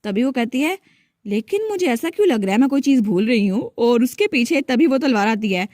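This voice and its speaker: A woman with a fairly high voice narrates a comic story to a close microphone. The sound is dry, with no room around it. She speaks each character's lines in her own voice and barely changes it. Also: expressive, a little fast, darkish tone, dry recording. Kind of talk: retelling a comic story with quoted dialogue.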